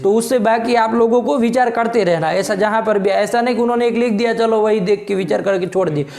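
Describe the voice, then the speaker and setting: High-voiced teacher drilling students, echoey room. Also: male voice, brisk, gravelly, darkish tone. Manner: quizzing and scolding students, repeating prompts. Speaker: Sanskrit logic teacher. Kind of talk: classroom teaching.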